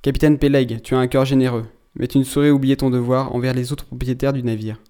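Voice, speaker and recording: A man's voice: mid-range voice, flat delivery, fast talker, warm tone, smooth, lightly acted. A man voicing a pious, stingy old shipowner with a sepulchral voice, grave and imperturbable. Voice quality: sepulchral, hollow.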